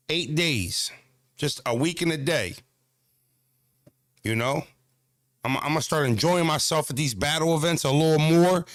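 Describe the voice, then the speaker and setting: Fresh from a gym workout, a man in his thirties speaks casually to camera about battle rap and self-care, loose and profane and constantly saying "you know what I mean." His voice is fairly high, captured with clean studio sound and no room tone.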